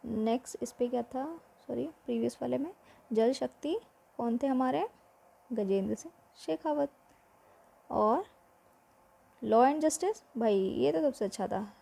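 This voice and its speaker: A woman's voice: a little high, unhurried, creaky, long pauses, dark tone, breathy edge. A young woman teaching a memory-trick lesson for exams, quizzing the listener with repeated questions.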